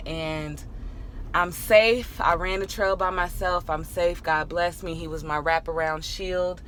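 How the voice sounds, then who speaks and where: A woman's voice: lowish voice, fairly even intonation, measured pace, a bit bright. A woman speaking to her vlog in an earnest, encouraging, casual way. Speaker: vlogger. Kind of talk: casual heartfelt vlog chat. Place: outdoors. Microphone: handheld phone. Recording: noisy outdoor phone recording.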